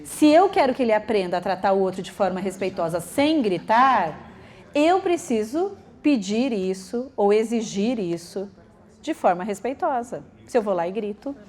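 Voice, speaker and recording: A woman's voice: medium pitch, normal speed. A woman lecturing teachers and parents, acting out what children and adults say. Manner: lively, acts out quoted children and adults.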